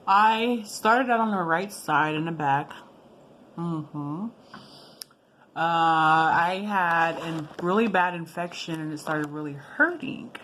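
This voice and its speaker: A woman's voice: lowish voice, a bit bright, a little hiss or hum. A woman video blogger casually telling a personal story to her viewers, rambling informally with asides and self-corrections.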